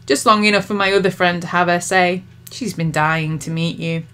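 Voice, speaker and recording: A woman's voice: fairly low pitch, steady tone, moderate pace, sharp tone, smooth. A woman reading a sly young pagan woman who teases with mock meekness. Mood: teasing. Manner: teasing, mock-meek.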